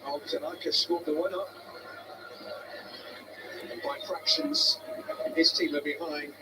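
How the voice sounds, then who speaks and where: A man giving measured, analytical live football commentary, heard through noisy broadcast audio. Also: a little high, very animated.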